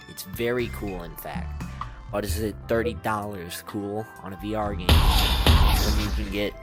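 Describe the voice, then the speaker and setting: A young adult giving a casual, exasperated rant full of rhetorical questions, slightly muffled as if speaking from inside a rubber mask. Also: medium pitch. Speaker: video creator.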